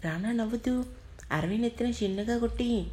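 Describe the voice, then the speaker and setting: A woman storyteller with a slightly high voice narrates a story aloud. Her reading is steady and gentle. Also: a little fast.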